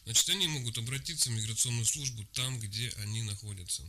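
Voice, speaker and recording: A man's voice: medium pitch, fast, pushed and bright. A man speaking as an official guest in a radio interview. He explains things in a formal, bureaucratic way with frequent hesitations. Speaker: migration service official.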